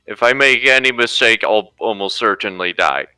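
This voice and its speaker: A man's voice: fairly low pitch, lively intonation, moderate pace, bright, forceful tone, clear, resonant tone, no echo, low-quality recording. A man commentating casually on a stream, explaining his gameplay as he plays. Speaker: player showing a track on stream.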